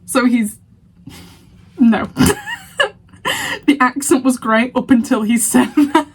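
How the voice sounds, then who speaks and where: A young Lancashire woman with a local accent chats casually to camera as a reaction vlogger, laughing a lot and sounding playfully indignant. Her voice is on the high side, slow and husky, with fairly even intonation.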